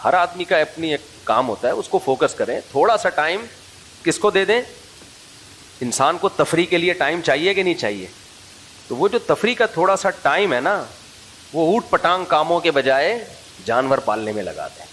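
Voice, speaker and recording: Lively, joking male preacher. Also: fairly high pitch, slight background noise, rough recording. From Pakistan. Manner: humorous, anecdotal, throws questions at listeners. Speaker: Islamic preacher. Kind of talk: informal religious talk to an audience.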